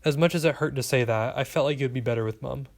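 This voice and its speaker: A man's voice: medium pitch, fast, vocal fry. A man reading a first-person audiobook in an earnest, confiding way. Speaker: audiobook narrator.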